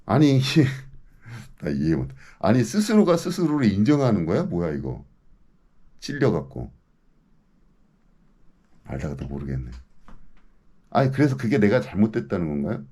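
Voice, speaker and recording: A man's voice: fairly low pitch, sing-song, normal speed, long pauses, warm tone, husky. Indignant ranting man in his fifties. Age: 50s. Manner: indignant, ranting, keeps demanding "예?". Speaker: local news commentator. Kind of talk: ranting monologue to camera.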